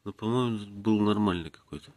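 A man narrates a casual food-tasting vlog through his phone camera, speaking calmly and tersely in short fragments. Faint noise sits behind his voice. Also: on the low side, brisk. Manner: calm, terse, speaks in short clipped phrases. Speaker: vlogger tasting groceries. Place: indoors, in a room in a city. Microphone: phone camera held by the speaker, who stays off screen.

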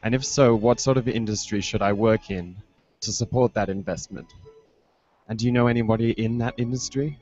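A young writer or performer gives a festival reading of experimental fiction, speaking briskly in a fairly low, a little mellow voice with fairly even intonation. He holds a handheld mic close in an indoor room, and the dull, lo-fi live stream carries prominent background music.

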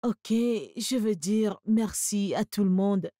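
A woman's voice: medium pitch, slow pace, dark tone, no echo, studio quality, close to an everyday voice. A woman dubbing a betrayed young woman. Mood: happy. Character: betrayed young woman, trusting then heartbroken. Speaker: dubbing actor. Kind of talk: French film dub.

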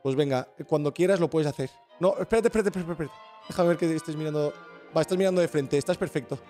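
A man's voice: a little high, quick pace, mellow, faint music behind. A man with a Spain Spanish accent, patiently guiding a teammate through a video game with repeated step-by-step directions. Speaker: gaming streamer guiding a teammate. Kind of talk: casual gameplay coaching.

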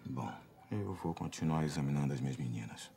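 Film drama: a worried health agent, very deep voice, talks fast. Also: male voice, vocal fry, slight background noise, full character voice. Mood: concerned. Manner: calm, serious, concerned. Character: earnest, worried male health worker.

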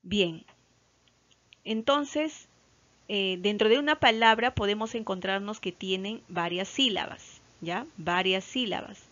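A woman's voice: mid-range voice, dry recording. A woman teacher from Peru, with a Peruvian Spanish accent, giving a patient lesson to children and often checking that they follow. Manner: slow and patient, repeats key words, checks with "¿ya?"; stretches out example words loudly. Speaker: primary school teacher. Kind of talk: recorded classroom lesson. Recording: slightly dull lo-fi recording.

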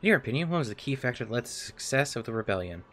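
A man reading out a game's dialogue as a smooth-talking male dream salesman, with an upbeat sales-pitch delivery. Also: very animated, very fast, a bit bright. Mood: salesy. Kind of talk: reading game dialogue aloud.

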